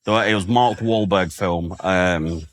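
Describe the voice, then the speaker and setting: A man's voice: low-pitched, takes it slowly, slight background noise. A man co-hosting a podcast in casual chat, a jokey, rambling storyteller. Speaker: podcast co-host.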